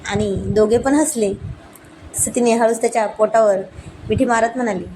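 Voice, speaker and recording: A woman telling a romantic story as narrator in a steady, intimate way. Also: a little high, normal speed, noisy background.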